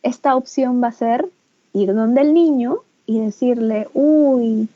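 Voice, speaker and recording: A woman's voice: a little high, a little slow, dry recording, dull audio. A woman with a Peruvian Spanish accent giving an online teacher training lecture. She explains patiently, often adds "¿no?" and acts out caregiver phrases in a livelier voice. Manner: explanatory, with frequent "¿no?" tag questions. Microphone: video call.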